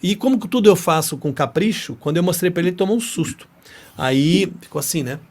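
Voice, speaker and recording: A man's voice: sits high, lively intonation, fast, darkish tone. A middle-aged Brazilian man with a Brazilian Portuguese accent, a guest in an interview who chats and tells stories, often tagging his sentences with "né". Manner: chatty, often tags phrases with "né". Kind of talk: casual interview storytelling.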